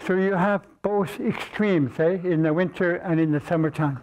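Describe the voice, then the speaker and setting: A man in his seventies with an Inuit accent, giving an informal lecture in a halting, deliberate way with pauses. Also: high-pitched, a little mellow, rough recording. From Naujaat (Repulse Bay), Canadian Arctic. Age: 70s. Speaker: guest speaker, Inuit elder. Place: university lecture room, indoors, before an audience.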